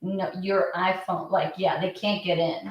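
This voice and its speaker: A woman, a comedy writer, pitching blunt jokes playfully and laughing readily. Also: fairly even intonation, a little slow, muffled recording. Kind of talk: brainstorming in a writers' room. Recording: distant mic in a very echoey room.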